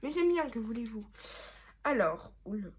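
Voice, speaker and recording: A young woman chatting casually in her bedroom, reading from her old notebooks with a rambling, self-mocking manner and sudden loud exclamations. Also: fairly high pitch, big pitch swings, normal speed, a little hiss or hum. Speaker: vlogger.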